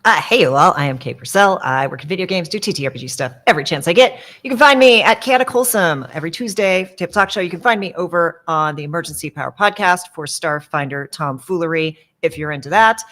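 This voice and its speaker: A woman's voice: lowish voice, animated, fast talker, hardly any pauses, fairly bright tone. An American woman introducing herself as a player on a stream, upbeat. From United States.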